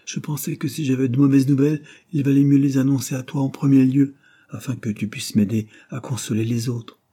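A man's voice: mid-range voice, little pitch movement, fairly quick, warm tone, pitched above the performer's own voice, natural voice. A man voicing a young husband who speaks tenderly with forced cheer. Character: anxious young husband hiding bad news.

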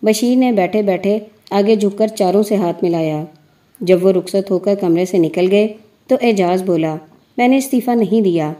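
A woman narrating a novel aloud in a measured, even storytelling manner. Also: mid-range voice.

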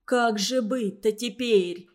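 A woman's voice: on the high side, slow pace. A woman reading a storybook aloud and voicing a small, round, flustered male barber who babbles apologies. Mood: desperate.

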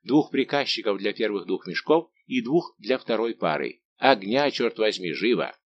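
A bold musketeer, hearty and used to giving orders, as a male reader plays him. His voice sits fairly low, with a ringing, commanding edge. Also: lively intonation, moderate pace, lo-fi sound.

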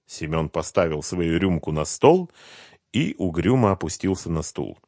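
A man narrating an audiobook in measured storytelling. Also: low voice, animated, darkish tone, no room sound, studio quality.

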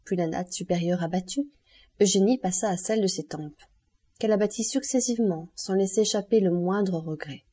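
A woman reading a classic novel aloud as an audiobook, in a measured, even storytelling manner. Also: medium pitch, slightly rough. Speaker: audiobook reader.

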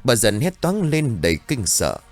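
A man's voice: medium pitch, wildly swooping pitch, moderate pace, faint music behind. A man narrating a ghost story in a dramatic, suspenseful reading.

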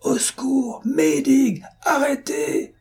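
A man's voice: very high voice, fairly even intonation, slow pace, creaky, darkish tone, pitched above the performer's own voice, heavily acted. A man voicing a panicked ordinary man crying out against a storm in an audiobook, frantic and pleading. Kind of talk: audiobook character voice.

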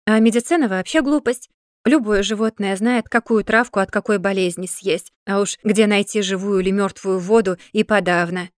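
A woman's voice: mid-range voice, normal speed, dry recording, studio quality, natural voice. A woman voicing a grumpy, sardonic old magical tomcat who grumbles and lectures in a storybook reading. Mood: grumbling.

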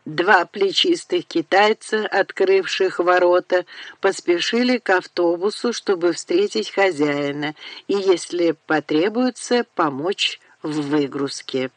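A woman narrating an audiobook in a measured, unhurried way, recorded on a close studio mic. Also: on the low side, no echo.

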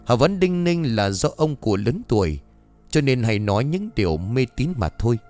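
A man's voice: medium pitch, very animated, normal speed, a little mellow, soft background music. A man reading a ghost story aloud with dramatic expression.

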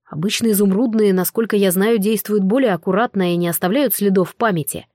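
A woman reading the lines of a protective, self-assured male dragon duke in an audiobook, in a smooth, earnest manner. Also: mid-range voice, quick pace, darkish tone, no echo, clean studio sound, close to an everyday voice. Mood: explaining.

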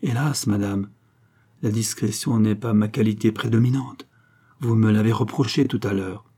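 A man reading a lovesick, jealous young gentleman. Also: on the low side, fairly even intonation, moderate pace, husky. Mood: threatening. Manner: pleading, impassioned.

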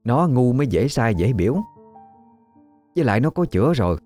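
A man's voice: sits low, animated, moderate pace, dark tone, faint music behind. A man voicing a scheming, domineering older village woman in a spoken ghost story. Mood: scolding.

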